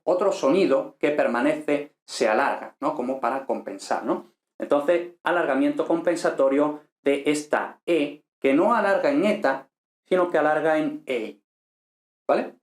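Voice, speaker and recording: Patient man from teaching, echoey room. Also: mid-range voice. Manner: patient, explanatory, ends points with tag questions. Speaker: teacher of ancient Greek. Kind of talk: lecturing, explaining grammar.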